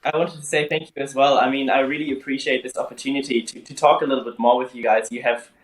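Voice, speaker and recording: A man's voice: mid-range voice, level tone, fast. Hesitant young man in a roomy echo. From Germany. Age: 20s. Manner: hesitant, many fillers and restarts. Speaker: guest. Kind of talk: casual interview chat.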